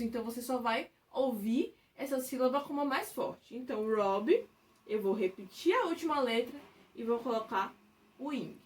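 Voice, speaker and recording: A woman's voice: fairly high pitch, recorded from a distance. A woman teaching a recorded grammar lesson, explaining step by step and checking in with the listener often. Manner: patient, step-by-step explaining with frequent check-ins. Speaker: English teacher.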